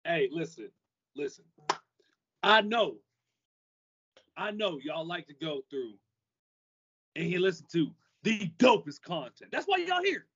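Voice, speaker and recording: Guy hyping up a podcast, really lively swoopy voice, repeats himself for emphasis, muffled lofi mic. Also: fairly high pitch, takes it slowly, long pauses, breathy edge. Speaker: podcast co-host. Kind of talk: casual hype-man talk. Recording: dull, lo-fi microphone sound.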